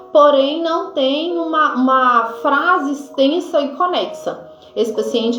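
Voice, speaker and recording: A woman nurse with a Brazilian accent gives an informal health lesson, with many fillers and pauses to check her notes. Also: high-pitched, fairly bright tone. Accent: Brazilian Portuguese. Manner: informal teaching, frequent fillers like "né" and "tá"; reads from notes at times. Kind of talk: explanatory health lesson to camera. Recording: echoey room, dull lo-fi sound, faint music.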